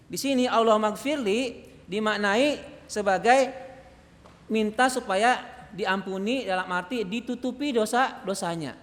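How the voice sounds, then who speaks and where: A high-pitched man teaches a study circle in a mosque, explaining step by step and posing questions he then answers himself. He coughs now and then. His voice rings out with a long reverb through the hall. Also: fairly bright tone. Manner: explanatory, asks rhetorical questions and answers them. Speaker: religious teacher.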